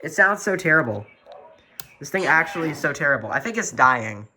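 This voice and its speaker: A young man's slightly high voice comes across very animated and brisk against a noisy background. He hosts a video displaying his radio collection, and his off-the-cuff show-and-tell is rambling and repetitive, full of blunt opinions.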